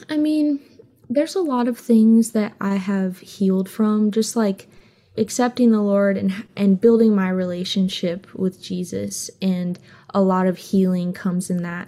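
Soft-spoken young woman singer, mellow tone. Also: medium pitch, steady tone, measured pace. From Hawaii. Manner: earnest, open, soft-spoken with frequent "um" and "like". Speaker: singer guest. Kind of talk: casual interview talk.

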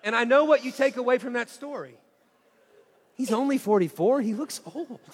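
A man in his forties with a high voice tells a story onstage, performing each quoted line with self-mocking energy. His words echo with long reverb across a big hall, delivered at a moderate pace with slight hiss or hum in the background.

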